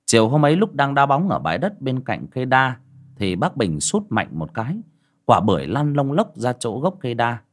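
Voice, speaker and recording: A man narrating a village ghost story in a dramatic, expressive manner. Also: mid-range voice, moderate pace.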